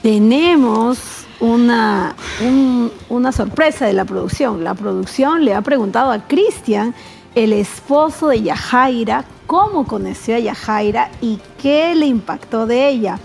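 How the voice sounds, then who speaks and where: A woman's voice: on the high side, animated, unhurried, gravelly, a little mellow, faint music behind. A woman hosting a church talk show, asking questions and giving brief encouraging prompts.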